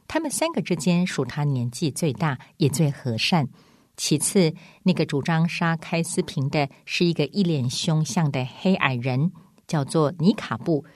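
A woman reads a storybook aloud, dramatic and expressive, with a lively, swinging pitch from a lowish base. The recording is dry and close with no room sound. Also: no echo. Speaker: audiobook reader. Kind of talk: storybook narration.

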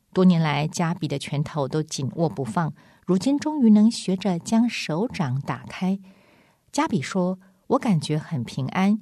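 Woman reading a faith counseling story, low calm voice, dry close sound. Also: dry recording. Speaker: narrator.

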